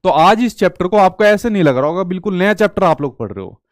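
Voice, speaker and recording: Male teacher, clear smooth voice a bit high, close dry recording, question-and-answer lecture delivery. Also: lively intonation, dry recording. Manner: explains slowly, asks and answers own questions. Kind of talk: exam-prep lecture.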